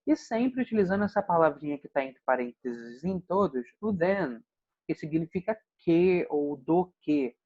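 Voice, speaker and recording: A man with a Brazilian Portuguese accent, an English teacher calmly explaining grammar in an online lesson. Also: on the high side, measured pace. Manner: patient, explanatory, frequent "né?" check-ins. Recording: dull lo-fi sound.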